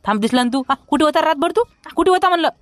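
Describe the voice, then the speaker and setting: A man's voice: very high voice, animated, dry recording. A man with a Vidarbha Marathi accent playing a broke village man who scolds everyone in a rustic comedy sketch. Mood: scolding. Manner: scolding, rapid and loud.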